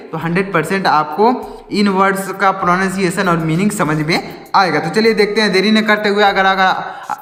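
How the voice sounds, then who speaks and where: High-voiced man teaching English words. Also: a bit bright. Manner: spells words letter by letter, repeats each answer; asks questions then answers them himself. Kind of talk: spoken Hindi lesson. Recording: echoey room with long reverb. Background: faint music.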